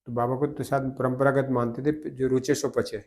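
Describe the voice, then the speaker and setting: An older man, a guest in a conversation, remembers the past in a measured, reflective way and often corrects himself mid-sentence. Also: medium pitch, level tone, darkish tone. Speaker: interview guest. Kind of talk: reminiscing conversation.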